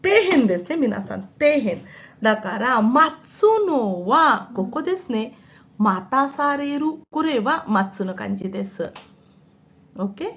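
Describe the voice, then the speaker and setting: Lively, slow-speaking woman teacher with a sore throat. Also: a little high, dull audio. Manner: explains in Hindi mixed with Japanese, checks in often. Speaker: Japanese language teacher. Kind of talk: exam practice lesson.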